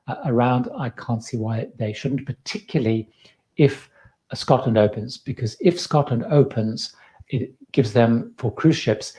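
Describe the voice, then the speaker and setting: A man in his fifties with a slight Zimbabwean accent and a warm, mellow voice. He hosts a live-stream Q&A in a loose, chatty way, handing out advice as he goes. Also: on the low side. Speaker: host.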